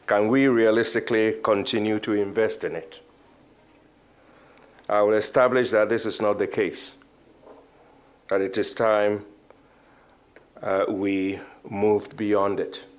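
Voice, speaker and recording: An older man, a professor, giving a formal academic talk in measured short phrases with pauses. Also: on the low side, level tone. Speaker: professor, conference speaker.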